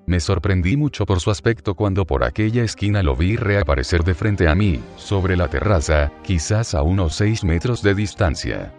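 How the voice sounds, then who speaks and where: A man with a low voice narrates a visionary account in the first person, slow and deliberate. He lingers over each detail in a measured way. Soft music plays faintly behind him. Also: expressive.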